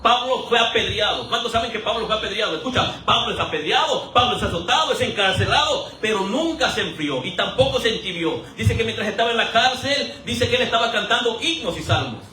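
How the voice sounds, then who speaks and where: A man preaching an animated sermon in a church, asking the congregation questions and briefly mimicking voices for laughs. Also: high voice, fairly quick, few pauses, slight background noise. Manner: animated, rhetorical questions, acts out quoted voices for humor. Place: church hall. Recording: roomy echo, voice from a distance.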